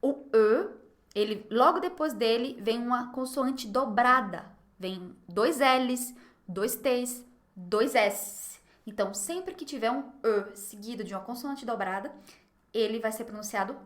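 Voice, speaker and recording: A young Brazilian woman with a Brazilian Portuguese accent who teaches French online, encouraging and repeating words slowly for learners to copy. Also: fairly high pitch. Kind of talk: online language lesson.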